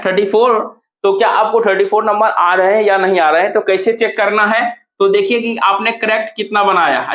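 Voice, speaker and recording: In an echoey room, a male coaching teacher with a high-pitched, pushed, bright voice reviews exam answers. He goes through them step by step and spells words out letter by letter.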